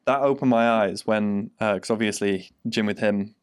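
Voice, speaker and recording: A man's voice: fairly low pitch, normal speed, clear, resonant tone. A man, a fitness coach, co-hosting a casual podcast and talking bluntly, swearing freely.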